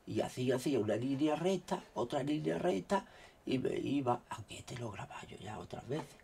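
Brief: excitable Spanish vlogger, gravelly and dark-toned, throat dry from a cold. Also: male voice, mid-range voice, moderate pace, slight background noise. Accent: Spain Spanish. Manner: excitable, exclaiming, keeps saying "look". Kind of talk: casual commentary on screen recording.

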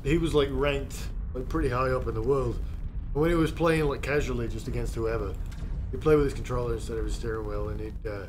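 A man co-hosting a casual podcast, relaxed and teasing in his banter. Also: medium pitch, brisk. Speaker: podcast co-host. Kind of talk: casual chat. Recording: noisy home recording.

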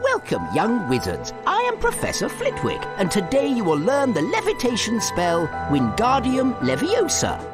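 Professor Flitwick, wildly swooping elderly wizard. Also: male voice, sits high, huge pitch swings, normal speed, few pauses, music in the background. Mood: welcoming, instructive. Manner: theatrical, formal, encouraging. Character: tiny excitable elderly male wizard charms professor. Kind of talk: video game character acting.

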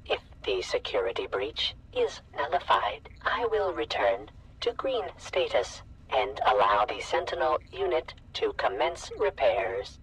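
A stern male security computer from a video game, its processed voice set a little high and swinging widely in pitch as it reads out slow, clipped warnings. It talks in formal system announcements. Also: wildly swooping pitch, vocal fry, fairly bright tone, slightly rough, full character voice, low-quality recording. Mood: formal alert.

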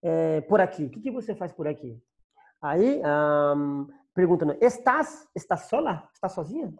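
A man's voice: fairly high pitch, very animated, unhurried, creaky. A Brazilian Portuguese-accented man teaches a class over a video call, his voice rising and falling a lot as he explains. He goes patiently, repeating and translating every phrase, and the sound comes through a plain computer mic. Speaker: Spanish teacher.

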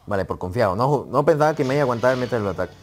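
Excitable Spanish man commentating a game. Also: mid-range voice, racing, soft background music. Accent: Spain Spanish. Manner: excitable, swears casually, talks to the game. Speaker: gaming YouTuber. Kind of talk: live gameplay commentary.

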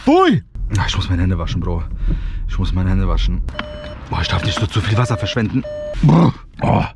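A young man vlogging casually from inside a car, excitable and slangy, given to exclamations. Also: fast talker. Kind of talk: casual challenge vlog, youth slang. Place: inside a small car, often driving. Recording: noisy car interior, road rumble.

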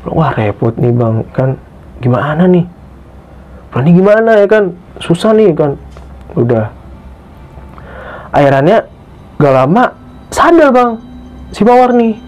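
A young man tells a true ghost story from a hike as a guest in casual talk. He gets excitable and keeps addressing the host as "Bang". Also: measured pace, long pauses. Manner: excitable, pitch jumps when tense, keeps calling the host "Bang". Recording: dull lo-fi podcast recording.

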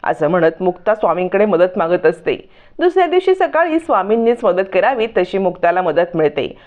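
Woman narrating a serial recap over a tinny line. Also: brisk. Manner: lively, voices the characters' lines with raised pitch. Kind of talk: storytelling recap with acted quotes. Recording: narrow phone-like sound.

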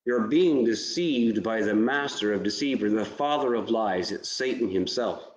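A man preaching a sermon with a fairly low voice, making earnest, direct appeals to his listeners. His words ring out in a roomy church sanctuary with plenty of echo. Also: normal speed. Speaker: pastor.

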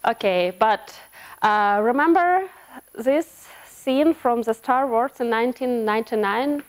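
A woman from Ukraine speaks at a developer conference, with a somewhat high voice. She explains her topic in a hesitant way, breaking off and repeating words. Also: a little slow. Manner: hesitant, frequent restarts and broken-off words. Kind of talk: conference talk with slides. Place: conference hall.

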